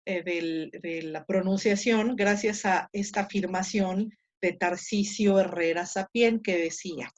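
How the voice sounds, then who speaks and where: A woman teaching a Latin class online, slowly sounding out words syllable by syllable and correcting her own marks aloud. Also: medium pitch. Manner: corrects herself aloud while marking slides.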